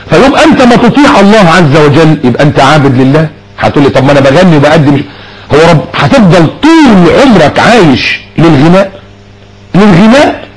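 A man's voice: high voice, a little hiss or hum, poor audio. A man with an Egyptian Arabic accent preaching a sermon, emphatic and scolding, firing off rhetorical questions with mocking asides. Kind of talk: recorded sermon lecture.

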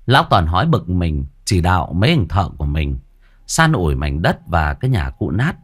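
A man narrating a ghost story in a dramatic, expressive way. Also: sits low, normal speed.

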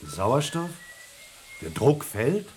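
In a radio play, an actor portrays an anxious space crewman short of air, pressing urgent questions in an alarmed, agitated way. His mid-range voice is sing-song and extremely slow, and the recording is very noisy.

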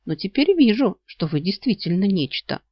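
A woman voicing a calm, courteous male financial advisor with a measured, slightly ironic manner. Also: mid-range voice, husky, no echo, pitched above the performer's own voice. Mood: polite. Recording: slightly dull lo-fi audio.

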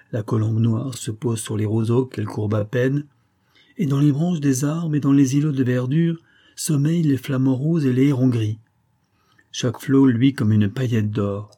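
Man reading an old doom-saying sorcerer, husky and mellow, solemn. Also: mid-range voice, natural voice. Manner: solemn, prophetic warnings.

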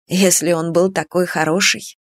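A woman's voice: fairly low pitch, lively intonation, a little slow, no echo. A woman reading an audiobook voices a tired, bitter mother who answers her daughter with dry mockery. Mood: mocking. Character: weary bitter mother, a doctor.

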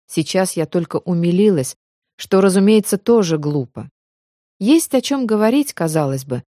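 A woman reads a first-person audiobook with feeling, her pitch rising and falling freely. Her tone is warm and mellow, and the close recording is dry with no room sound. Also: no echo. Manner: emotional, expressive. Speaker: audiobook narrator.

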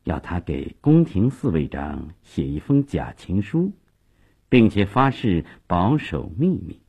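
A man voicing a sly male court secretary who plots in a low, partly whispered voice, in a radio story. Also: sing-song, slow, gravelly, dark tone, slightly rough, full character voice. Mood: scheming.

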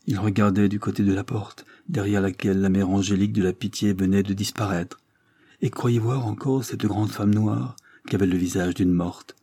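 A man reading a classic novel aloud as an audiobook, narrating in a measured, even way. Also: lowish voice, slightly rough, dry recording. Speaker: audiobook reader.

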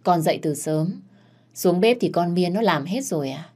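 A woman's voice: fairly low pitch, animated, normal speed, warm tone. A woman voicing a sly young female servant who answers evasively.

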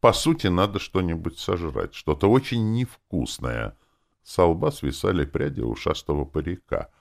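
A man narrating a fantasy audiobook in the first person, with an expressive, crude and sardonic delivery. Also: low voice, moderate pace, creaky.

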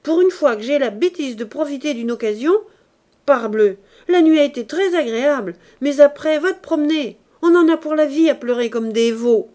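A woman reading an audiobook, voicing a young man who loses his temper and shouts back at his uncle. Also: high voice, lively intonation, moderate pace, pitched above the performer's own voice. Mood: furious. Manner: shouting, exasperated outbursts. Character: young man, embarrassed and furious nephew.

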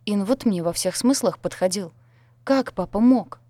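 A woman's voice: medium pitch, normal speed, warm tone, dry recording, natural voice. A woman voicing a weepy, spoiled young heiress with a whiny, tearful way of pleading, in an audiobook. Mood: plaintive. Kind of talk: audiobook character voice.

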